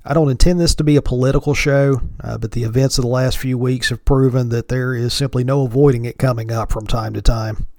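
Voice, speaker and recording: A man's voice: mid-range voice, steady tone, fairly quick, gravelly, darkish tone, no echo. A man with a thick Appalachian accent, hosting a solo podcast in a folksy way with wry, dry humor. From mountains of Virginia, United States. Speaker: podcast host.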